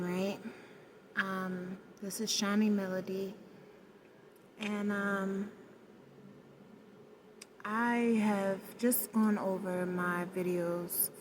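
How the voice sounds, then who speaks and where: Speaking straight to the camera in a personal vlog, a woman with a low voice hesitates and searches for words, pausing and restarting often. The audio comes from the camera mic with no external mic, and there's background noise.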